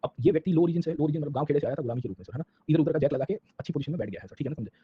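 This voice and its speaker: Racing along at a fairly high pitch, a male history lecturer preparing students for exams talks in a husky, rough-edged voice with an Indian accent. He switches between Hindi and English and keeps dropping quick check-in tags, and the lecture audio is dull and lo-fi.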